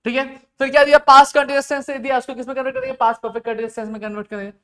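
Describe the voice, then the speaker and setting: A male teacher running a recorded grammar lesson. He keeps asking quick questions, then dictates the answers slowly, dropping to a low murmur as he writes them out. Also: little pitch movement, pushed and bright.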